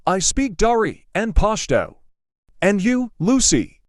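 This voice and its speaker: A man reading a polite learner's part in a scripted practice dialogue for English learners, speaking slowly and carefully enunciating each line. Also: sits high, very animated, dry recording, clean studio sound, full character voice. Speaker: dialogue reader.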